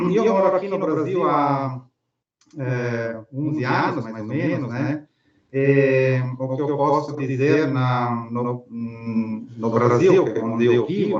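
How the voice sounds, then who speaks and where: Male panel guest, Italian native, Italian-accented non-fluent speech, heavily reverberant, distant sound. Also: mid-range voice. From Italy. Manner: non-fluent Portuguese mixed with Italian words. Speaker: guest candidate. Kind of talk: panel discussion answer. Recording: very echoey, distant, muffled sound.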